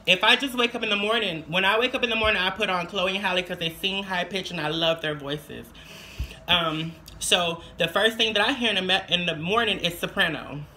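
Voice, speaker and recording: A woman's voice: on the low side, pushed and bright, a little hiss or hum. A young adult woman vlogger giving casual tips, chatty and repeating phrases for emphasis. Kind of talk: casual tutorial chat.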